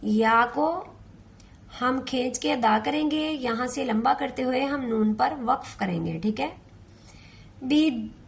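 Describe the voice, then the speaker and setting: Woman, tajweed teacher, very slow and deliberate, slightly high voice, gravelly edge, patient repetition. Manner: patient, repeats words slowly, recites in a drawn-out chant. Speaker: Quran recitation teacher. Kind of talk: slow step-by-step tajweed lesson.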